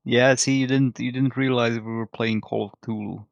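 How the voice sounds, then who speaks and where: A man's voice: mid-range voice, fairly even intonation, moderate pace, gravelly, no echo, highs cut off. A man co-hosting a game stream in casual chat, giving short dry replies and laughing along. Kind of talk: casual let's-play chat.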